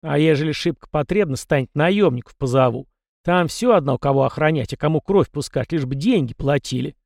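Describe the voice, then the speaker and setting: A man's voice: fairly high pitch, animated, fairly quick, creaky, a little mellow, dry recording, studio quality. A man voicing a haughty, stubborn teenage prince. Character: arrogant stubborn teenage prince, hot-tempered boy. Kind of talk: audiobook character voice.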